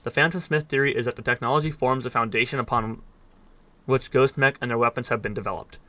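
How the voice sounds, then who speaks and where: A man's voice: mid-range voice, steady tone, fast talker, bright, forceful tone. A man reading in-game text aloud at speed, stumbling over words now and then and dropping dry asides. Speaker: gaming let's player.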